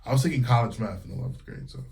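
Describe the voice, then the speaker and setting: His mid-range voice races along as he speaks freely in a casual interview. A singer and music teacher in his thirties from Connecticut, he stays relaxed, using plenty of fillers and retelling stories through quoted lines.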